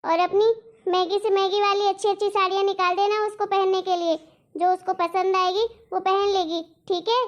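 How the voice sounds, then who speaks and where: A woman uses a pitch-shifted voice to play a greedy, bossy middle-aged mother-in-law in a Hindi cartoon drama, nagging insistently. Her tone is level and her speed normal, and the recording sounds dull and lo-fi.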